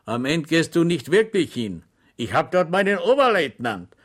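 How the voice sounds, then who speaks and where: A man's voice: on the high side, big pitch swings, moderate pace, fairly bright tone, husky, voice pushed up, heavily acted. A man voicing cocky deserter soldiers who talk in a brash, mocking way.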